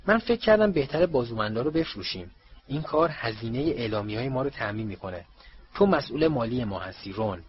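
A man reading an earnest schoolgirl who briskly hands out tasks to her friends. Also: medium pitch, lively intonation, natural voice. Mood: bossy, eager. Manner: brisk, businesslike instructions. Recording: muffled, faint hiss.

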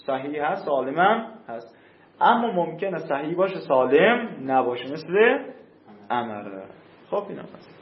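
A male teacher giving a classroom grammar lesson, explaining slowly and repeating rules, with questions for his students. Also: a little high, sing-song, echoey room, lo-fi sound.

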